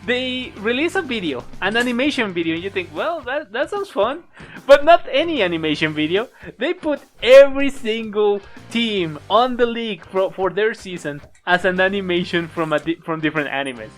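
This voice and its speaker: A man's voice: high-pitched, lively intonation, normal speed, soft background music. A man from Mexico with a Mexican accent, co-hosting a podcast and telling stories in casual chat, laughing often. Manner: laughs often, rambling storytelling. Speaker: podcast co-host.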